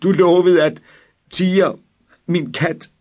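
A man's voice: high-pitched, steady tone, voice pushed up, close to an everyday voice. A man voicing a terrified young boy who stammers, pleads and cries out for help. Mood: desperate.

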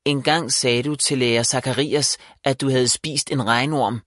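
A man's voice: medium pitch, fairly even intonation, fairly bright tone, dry recording, natural voice. A man voicing a chatty young village girl who likes to tell tall tales, in a children's audiobook. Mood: eager. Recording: dry close voice.

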